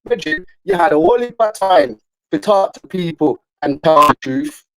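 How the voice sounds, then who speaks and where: A man's voice: high-pitched, sing-song, moderate pace, creaky, poor audio. A man on a glitchy video call that keeps breaking up, confrontationally accusing someone during a live panel. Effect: glitchy video call audio, breaking up. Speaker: panel participant. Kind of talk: heated live-stream panel argument. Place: outdoors or in the countryside.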